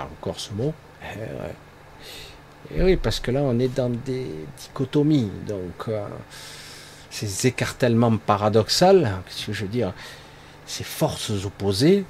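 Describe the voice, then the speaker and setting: A man's voice: mid-range voice, expressive, a little slow, a little hiss or hum. A man giving a loose spoken monologue on spiritual growth, rambling with lots of fillers and tag words. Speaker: spiritual speaker.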